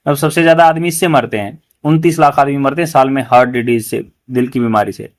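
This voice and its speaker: A man with an Indian English accent teaching English vocabulary in Hindi, explaining each word and reading English sentences slowly and carefully. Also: mid-range voice. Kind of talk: newspaper reading lesson.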